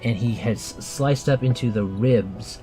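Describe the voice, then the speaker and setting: A man's voice: medium pitch, unhurried, music in the background. A man in his thirties narrating a tabletop game for a child as game master, patiently explaining the rules with plenty of fillers.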